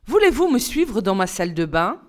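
A woman voicing a young, charming male doctor who talks in a smooth, coaxing way in a storybook reading. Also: medium pitch, very animated, normal speed, close to an everyday voice.

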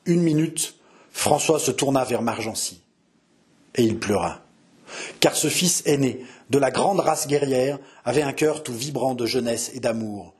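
A man narrating a historical novel in a dramatic, measured reading. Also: medium pitch, darkish tone.

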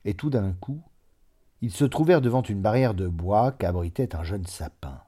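Man, audiobook narration, measured reading, dark tone, low voice. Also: lively intonation, husky.

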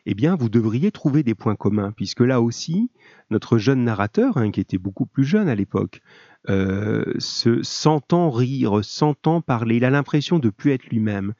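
A man's voice: medium pitch, expressive, normal speed, a little mellow. A man teaching a literature lesson, spelling out study questions and instructions step by step for his pupils. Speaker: middle school French literature teacher. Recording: dull, echoey room recording.

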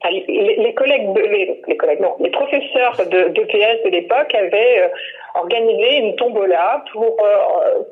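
A woman's voice: medium pitch, normal speed, breathy edge. A woman in her fifties calling in by phone, chatting casually and hesitantly with many fillers and restarts. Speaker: phone-in guest, teacher. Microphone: telephone. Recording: tinny phone line.

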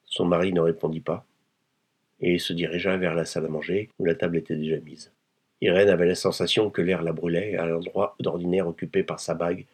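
A man narrating a novel aloud in a measured, dramatic reading. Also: low-pitched, breathy edge. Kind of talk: audiobook reading.

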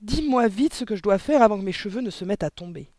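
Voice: medium pitch, lively intonation, fast talker, a little mellow, no room sound, pitched above the performer's own voice, lightly acted. A reader doing a bellowing, panicky father. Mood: anxious. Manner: bellowing, outraged. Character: blustering, panicky middle-aged father. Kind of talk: audiobook reading.

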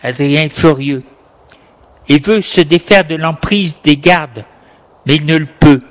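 A man reading a story aloud in a measured, plain narrating manner. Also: on the high side.

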